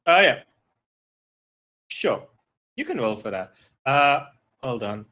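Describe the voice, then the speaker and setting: A man narrating and running a tabletop role-playing game as game master, casual and quick. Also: mid-range voice, sing-song, pushed and bright. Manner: quick, loose narration with voiced side characters.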